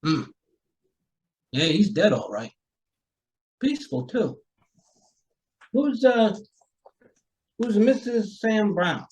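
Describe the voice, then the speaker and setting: A man playing a folksy, rambling homicide sergeant in a radio mystery, chatty, halting and courteous. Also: high-pitched, very animated, darkish tone, full character voice, poor audio. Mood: affable, probing. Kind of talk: amateur radio mystery acting.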